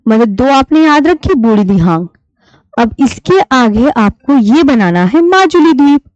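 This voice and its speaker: A woman teaching a live online class with a fairly high voice, patient and deliberate as she drills key terms. The sound is dry, close and a little dull, like lo-fi stream audio. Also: very animated, darkish tone, no room sound. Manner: patient, repeats key terms slowly for students.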